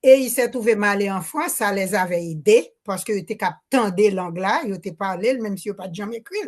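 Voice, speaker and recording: An older woman from Haiti speaks into a handheld microphone, her French full of Haitian accent and Creole turns. She restarts her sentences and gropes for words, her pitch sitting in an ordinary middle range. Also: fairly quick, a little mellow. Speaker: audience member asking a question. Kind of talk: spontaneous remarks at a public Q&A.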